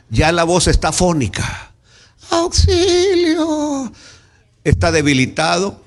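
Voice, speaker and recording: A pastor with a Salvadoran accent preaching in church, dramatic, acting out scenes and shouting cries. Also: male voice, a little high, creaky. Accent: Salvadoran Spanish. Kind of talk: sermon. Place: church sanctuary.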